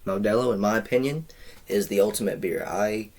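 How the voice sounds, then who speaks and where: A man's voice: on the low side, fairly quick, noisy background. Rambling, cussing guy in his twenties. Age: 20s. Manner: rambling, profane, slangy, says bro a lot. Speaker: vlogger. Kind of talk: casual storytime chat.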